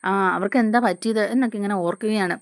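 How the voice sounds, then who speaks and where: A woman's voice: medium pitch, quick pace, no echo, studio quality. A woman retelling a TV serial in a chatty, casual storytelling way. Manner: chatty, ends lines with a tag word. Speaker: serial recap narrator.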